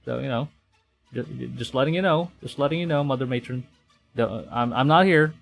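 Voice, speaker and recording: With game music running in the background, this male VTuber from the Philippines reads text aloud during a live playthrough, breaking in with halting, stammered comments. He speaks fairly quickly in a creaky, mid-range voice.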